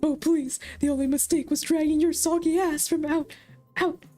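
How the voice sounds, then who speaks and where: A woman's voice: steady tone, normal speed, dark tone, close to an everyday voice. A woman voices a tiny plush robot companion, smug and sarcastic. It brags in a raised, lilting voice over faint music. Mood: snippy. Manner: boastful, snippy, high and bouncy.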